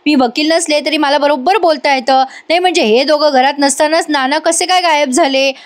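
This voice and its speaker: A woman voicing a scheming, sharp-tongued young woman who taunts and accuses her family in a soap recap. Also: high-pitched, fairly quick, close to an everyday voice. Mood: taunting.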